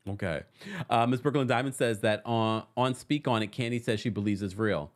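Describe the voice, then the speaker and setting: A man's voice: lowish voice, moderate pace. A man hosting a live-stream recap, reading fan messages aloud and riffing in a sassy, laughing way. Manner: sassy, animated, laughs often. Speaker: recap show host.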